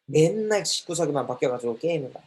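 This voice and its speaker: A man's voice: fairly high pitch, lively intonation, fast, a little mellow, lightly acted. A man voicing his elderly grandmother, muttering scornful nagging at her grandson.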